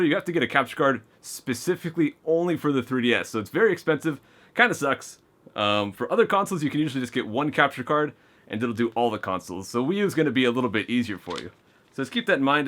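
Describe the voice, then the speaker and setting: Chatty and excitable, a man tears into fan mail on camera and reads the letters out loud. His voice sits in the mid range, and he occasionally stumbles over words.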